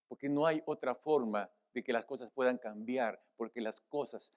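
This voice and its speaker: A man preaching a sermon as pastor, swelling loud on key phrases, then easing back into a quieter teaching tone, often asking the congregation to agree. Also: medium pitch, moderate pace. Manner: asks the congregation "¿verdad?" and addresses them as brothers. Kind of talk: Spanish-language sermon.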